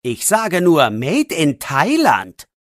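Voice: mid-range voice, huge pitch swings, slow pace, no echo, studio quality. A narrator voicing an irritated teenage boy who scolds and mocks his friend in a learner's audiobook. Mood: sarcastic. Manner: scolding, sarcastic. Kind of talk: audiobook role voice.

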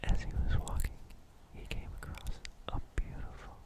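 A young man telling a bedtime-style story as ASMR, in a hushed, deliberate whisper close to the microphone. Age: young adult. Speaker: ASMR host. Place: small dim room indoors. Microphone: close desktop condenser microphone.

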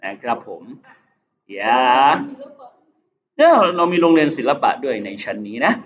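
A male teacher going over exam questions, reading English sentences slowly and explaining them. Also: mid-range voice, big pitch swings. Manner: reads English items slowly, explains in quick Thai. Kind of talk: exam prep lesson. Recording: dull lo-fi recording.

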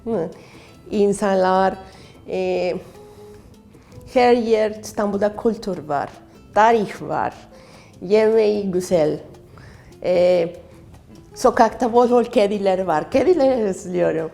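A woman with a foreign accent speaks broken learner's Turkish in a personal interview, halting as she searches for words. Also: mid-range voice, gravelly, mellow, soft background music. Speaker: artist and craft student.

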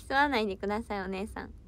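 A woman's voice: medium pitch, a bit bright. A young woman idol hosting a casual solo livestream, chatting playfully with viewers and reading their comments. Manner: playful, giggly, tries out foreign words and dialect phrases.

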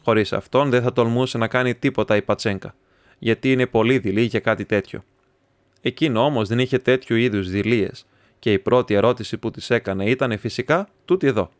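A man's voice: mid-range voice, dry recording, close to an everyday voice. Talkative young student , a man reading the part. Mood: chatty. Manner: rambling, chatty, teasing. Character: talkative young male student friend, warm and excitable.

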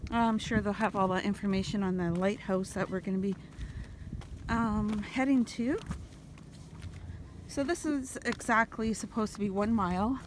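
A woman's voice: mid-range voice, fairly even intonation, moderate pace, pauses often. A woman chatting casually as she films a walk along a stone breakwater by the sea, rambling with fillers. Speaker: vlogger. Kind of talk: casual walking vlog. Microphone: phone camera held by the speaker. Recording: noisy outdoor phone recording.

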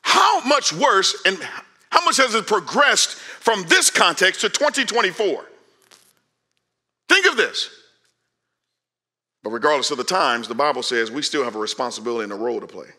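Bright-voiced preaching man. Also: on the high side, normal speed, pauses often. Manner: animated, conversational preaching, shifts from loud to hushed. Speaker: pastor. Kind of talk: sermon. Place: large church stage.

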